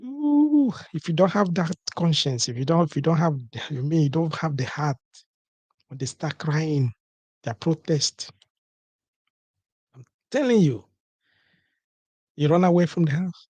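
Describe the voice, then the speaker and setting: A man giving an animated comedic monologue on a livestream, acting out little exchanges between couples and often checking in with "you understand?". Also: a little high, a little slow, long pauses, breathy edge, dry recording. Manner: animated, acts out couples' dialogue, keeps asking "you understand?". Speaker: comedic commentator.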